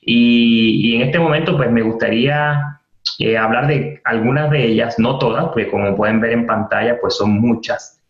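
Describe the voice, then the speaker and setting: A man's voice: medium pitch, normal speed. Man explaining a training webinar, roomy. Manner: explanatory, frequent fillers and restarts, repeats key terms. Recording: roomy, dull lo-fi webinar audio.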